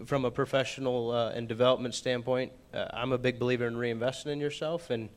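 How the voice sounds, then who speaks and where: A man's voice: mid-range voice, steady tone, fast. A young man answering questions casually and politely in front of a group. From upper Midwest United States. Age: young adult. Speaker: auctioneer school student.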